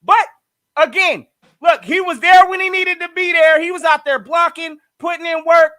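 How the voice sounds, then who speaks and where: A man's voice: extremely high pitch, fairly even intonation, moderate pace, bright, forceful tone, dry recording. A man co-hosting a casual sports podcast, breaking down the game in an emphatic, hyped way. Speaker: podcast co-host.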